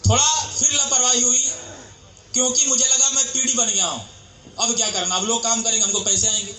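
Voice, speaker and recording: Bihari-accented man as motivational speaker, sharp and bright, booming in a roomy hall. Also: slight background noise. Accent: Bihari Hindi. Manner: loud, animated, addresses the crowd directly. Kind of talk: motivational stage speech. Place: event stage in a hall. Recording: echoey hall.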